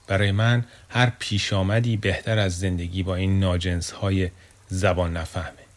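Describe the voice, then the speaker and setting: A man voicing a proud, sad young deer in a children's story, talking quickly and bitterly. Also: low-pitched, level tone, voice pushed down, natural voice.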